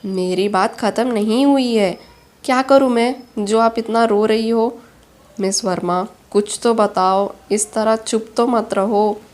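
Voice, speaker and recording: A woman's voice: fairly high pitch, fairly even intonation, slow, darkish tone. A woman voicing a remorseful, smitten young male boss in a storybook reading, speaking in an earnest, pleading way.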